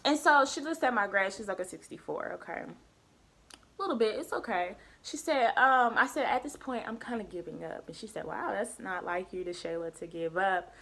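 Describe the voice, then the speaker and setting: Animated young woman telling a story. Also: medium pitch, moderate pace, creaky. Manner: animated, acts out quoted voices, slangy. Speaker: vlogger. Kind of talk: casual storytelling chat.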